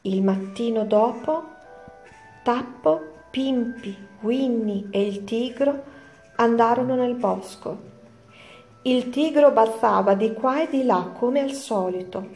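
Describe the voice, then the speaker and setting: A woman teacher reading a children's story aloud in a slow, clear storytelling manner. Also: on the high side, darkish tone, reverberant, soft background music.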